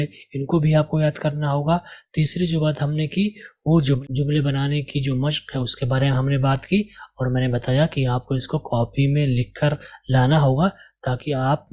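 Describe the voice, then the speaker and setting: A man's voice: mid-range voice, a little mellow. A man from India, teaching an English course and patiently explaining how to do the exercises, repeating his key points. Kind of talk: explaining a language course lesson.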